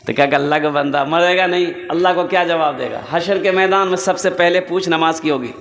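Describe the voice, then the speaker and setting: A man from eastern India preaching a sermon with comic stories, emphatic and repetitive, rising to shouts, in an echoey hall. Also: a little high, fairly quick, a little hiss or hum. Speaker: Islamic preacher.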